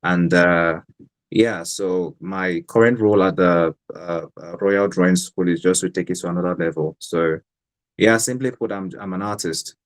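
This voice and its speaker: A young man from Cameroon speaks as a guest on a video call. His voice sits very low. He answers in a relaxed, hesitant way, full of ums and restarts. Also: normal speed. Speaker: guest artist. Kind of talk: casual interview on a video call.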